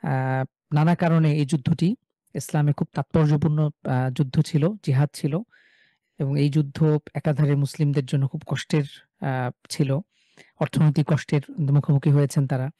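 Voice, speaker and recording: A man from Bangladesh teaching a live online class on reading the Quran. He explains in a relaxed way with many fillers and chants example syllables slowly. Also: a little high, dry recording.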